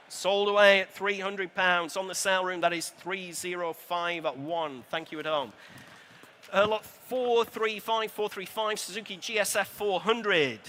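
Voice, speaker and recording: High-pitched British man calling an auction. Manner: brisk auctioneer's chant, repeating figures and urging bidders. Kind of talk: live auction calling with repeated bids. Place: live auction sale room.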